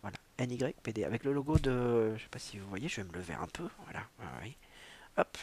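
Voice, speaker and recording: This livestream host has a lowish, husky voice and an animated, brisk delivery. Chatting alone on stream, he wanders from point to point, mocks himself, stumbles into restarts, and tosses in playful fake English.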